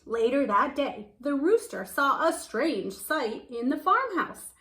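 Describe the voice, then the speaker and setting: Reading a children's picture book, a woman narrates with lots of expression, stretching words to stress them. Her high voice swings widely in pitch, moving slowly with a sharp tone.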